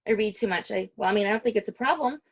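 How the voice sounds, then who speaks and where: A woman's voice: medium pitch, racing, breathy edge. A woman hosting a podcast over a call, talking in a chatty, rambling way and laughing often. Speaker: podcast host. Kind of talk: casual interview chat. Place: home call. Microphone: video call.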